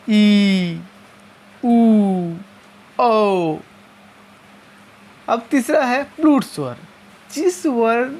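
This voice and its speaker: A woman teaching a lesson, explaining step by step and slowly spelling out each sound. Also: on the high side. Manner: slow and methodical, repeating and spelling out sounds.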